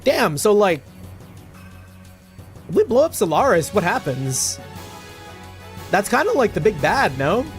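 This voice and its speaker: Male streamer, casual game chat, loose and profane, voice on the higher side; game music underneath. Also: very animated, unhurried, pauses often. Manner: loose, swearing, many filler likes. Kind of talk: casual gaming commentary.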